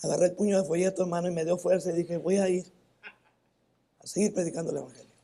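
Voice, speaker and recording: High, gravelly northern Mexican pastor. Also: male voice, steady tone, mellow. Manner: repeats "hermano" often, halting restarts. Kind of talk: sermon with personal testimony. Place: church.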